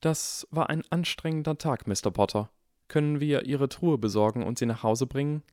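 A man's voice: medium pitch, normal speed, darkish tone, no room sound, clean studio sound, voice pushed up, natural voice. A man voicing a strict elderly female professor in a harsh, clipped whisper, reading an audiobook. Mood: tired.

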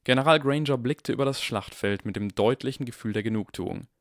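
A man narrating an audiobook in a lively, expressive, dramatic reading style. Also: mid-range voice, a little fast, noisy background. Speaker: audiobook reader.

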